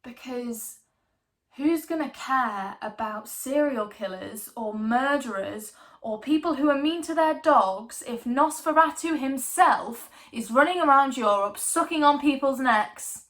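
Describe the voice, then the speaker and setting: A woman playing a wry, defiant young woman obsessed with ghost stories in a theatrical dramatic monologue, emphatic and full of lingering pauses. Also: high-pitched, lively intonation, fairly bright tone. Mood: excited, emphatic.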